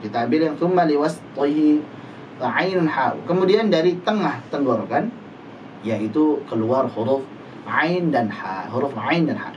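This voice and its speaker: A male recitation teacher in a live online class, patiently demonstrating Arabic letter sounds slowly and repeatedly. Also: fairly high pitch, expressive, far from the mic, highs cut off, slight background noise.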